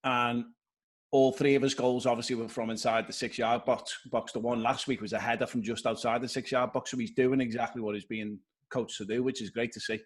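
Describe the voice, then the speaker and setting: Guy on a football podcast talking through tactics, mid pitch, chatty and analytical. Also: level tone, brisk. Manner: analytical, explains tactics at length. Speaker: podcast co-host. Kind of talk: casual football chat.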